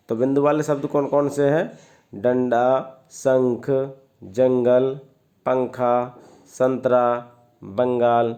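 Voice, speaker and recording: A man speaking as a teacher to small children, at an unhurried, drawn-out pace. He asks a question, then gives the answer himself, repeating it patiently. His voice sits in an ordinary middle register. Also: mid-range voice, dark tone. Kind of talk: worksheet lesson for children.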